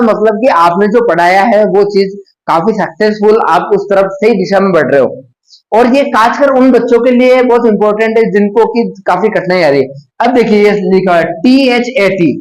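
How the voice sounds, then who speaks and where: A man teaching a phonics lesson, explaining step by step and slowly sounding out letters and words. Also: very high-pitched, reverberant, poor audio.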